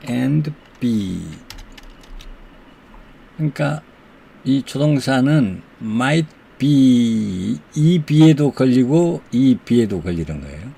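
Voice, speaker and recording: A man teaching English, who says the English example sentences slowly and deliberately and explains them more quickly. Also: medium pitch, lively intonation, vocal fry, warm tone, slightly rough. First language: Korean. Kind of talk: slow explanatory lesson.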